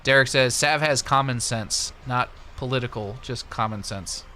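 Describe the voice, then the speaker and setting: A man from Missouri, United States, hosts a livestream with faint music behind him, speaking at a medium pitch and moderate pace in a pushed, bright voice. He talks conversationally and opinionatedly, responding to viewers on a close desktop USB mic.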